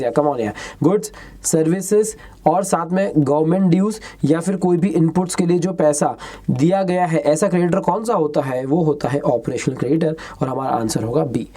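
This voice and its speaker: A man with a fairly high pitch and dark tone delivers an exam-prep lecture in a mix of Hindi and English. He reads questions out slowly and throws in chatty asides.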